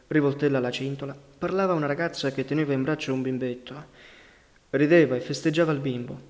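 A man narrating a novel as an audiobook, in a measured, unhurried literary reading. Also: medium pitch. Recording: long reverberant hall sound.

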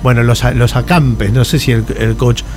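A man with an Argentine accent hosting comic radio banter, objecting in a halting, repetitive way while addressing his partner formally. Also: medium pitch, steady tone, over music. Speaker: radio show host.

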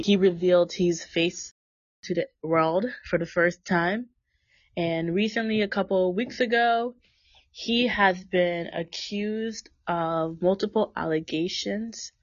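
Slightly slow and steady, this podcast host's voice is on the low side, and the recording is dry with a dull lo-fi quality. In her twenties, she chats casually, sharing opinions and filling gaps with plenty of fillers.

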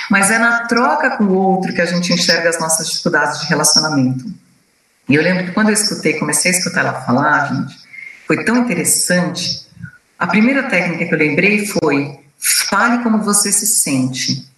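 Woman course leader, animated story-driven teaching talk, distant mic and heavy room echo. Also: on the low side. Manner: lively storyteller who acts out quoted dialogue.

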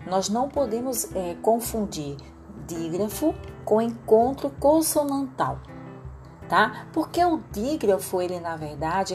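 A woman's voice: medium pitch, darkish tone. A woman teaching a remote lesson to young schoolchildren, explaining patiently and checking in often with short questions.

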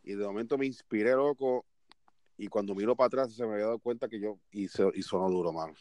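A man's voice: fairly low pitch, quick pace, dry recording. A man, co-hosting a casual chat and telling embarrassing stories with a laugh. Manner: animated storyteller, laughing through his stories.

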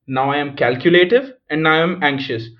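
A man's voice: on the high side, a little fast. A man hosting a podcast, thinking aloud in a reflective, casual way with frequent restarts. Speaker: podcast host. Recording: muffled lo-fi recording.

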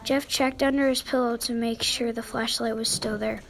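A woman teacher reading a children's novel aloud in a steady, expressive storytelling manner. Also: on the high side, moderate pace, vocal fry, a little hiss or hum, rough recording.

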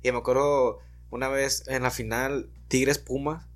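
A man's voice: mid-range voice, a little slow. A man with a northern Mexican accent from Monterrey, chatting casually as a guest and reliving old memories. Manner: relaxed, laughs easily, relives moments loudly. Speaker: guest, former stadium security worker. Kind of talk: casual chat.

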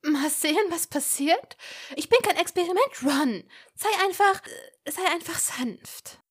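A woman voicing a bookish, bossy young woman in an audio drama reading, breathy and exclaiming. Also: extremely high pitch, expressive, a little slow. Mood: indignant.

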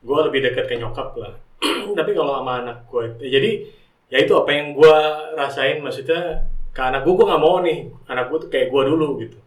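A man's voice: mid-range voice, a little fast. A middle-aged man chatting casually as a podcast guest, slangy and informal, often acting out the advice he gives. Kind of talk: casual chat. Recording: roomy echo, distant from mic.

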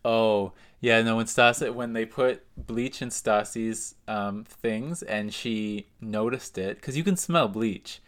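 A man co-hosting a podcast, recapping reality TV fights in a laid-back, drawn-out way. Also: fairly low pitch, a bit bright. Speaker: podcast co-host. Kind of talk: casual chat.

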